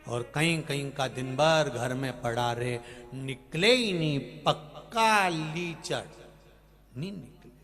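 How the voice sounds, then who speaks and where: A man with a fairly high voice and a Madhya Pradesh Hindi accent delivers a devotional sermon, breaking into sung lines. He speaks slowly, stressing his points with sudden loud bursts before dropping to quiet asides. Faint music plays behind him at the live gathering. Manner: sings bhajan lines, then preaches with emphatic rising outbursts and soft drops. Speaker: kathavachak preacher.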